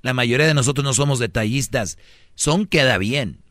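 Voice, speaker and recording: A man with a Mexican accent hosts a radio show, preaching comic advice at his listeners. He fires off rhetorical questions in a joking, lecturing tone. His mid-pitched voice sounds dry and close, with no room echo. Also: moderate pace, a bit bright. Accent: Mexican Spanish.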